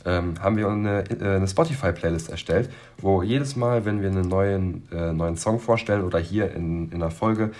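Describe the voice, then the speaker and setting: A young man co-hosting a casual podcast, relaxed and orderly, with hesitant fillers. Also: deep voice, normal speed, few pauses. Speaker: podcast co-host. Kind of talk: casual chat.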